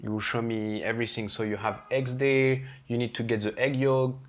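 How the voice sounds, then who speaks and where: A man's voice: mid-range voice, brisk. A man with a French accent, a chef guest on an interview podcast, talking candidly and acting out the voices in his stories. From France. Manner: candid, animated, acts out quoted lines. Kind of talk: casual storytelling interview.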